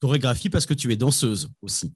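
A man hosting a music podcast, delivering prepared introductions and questions in a smooth, scripted way. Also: mid-range voice, lively intonation, a little fast, no room sound. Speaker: host. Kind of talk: scripted radio-style questions.

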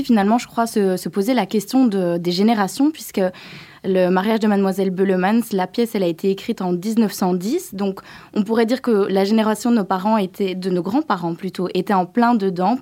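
A woman presents in a medium-pitched voice. Her delivery is informal and explanatory, like a radio-style talk. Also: fairly even intonation, brisk, warm tone.

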